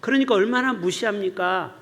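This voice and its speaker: A male pastor preaching a sermon to his congregation. He swings between loud, emphatic bursts and hushed, low asides. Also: moderate pace. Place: church sanctuary. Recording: long church hall reverb.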